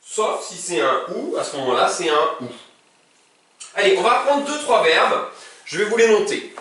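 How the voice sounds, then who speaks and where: A man's voice: sits high, very animated, normal speed, a bit bright. A man teaching a language class in a patient way, often checking that his students follow. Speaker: Arabic teacher. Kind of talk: classroom lesson. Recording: very echoey room, distant mic.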